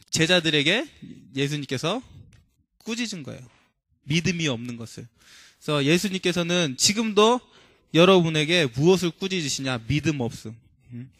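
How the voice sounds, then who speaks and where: A male preacher giving a sermon in a church, talking to the congregation with frequent questions and slowing down for emphatic scripture quotes. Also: on the high side, a bit bright, dry recording, clean studio sound.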